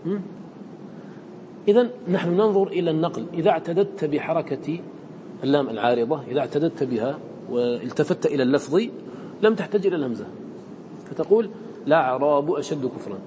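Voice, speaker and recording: A man teaches a class on Quran recitation in a fairly high voice. He keeps asking his students questions and then answers them himself, now and then chanting verses in a melodic style. A faint hiss of noise sits behind the recording. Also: quick pace, pauses often. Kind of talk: classroom lesson explaining a poem on recitation.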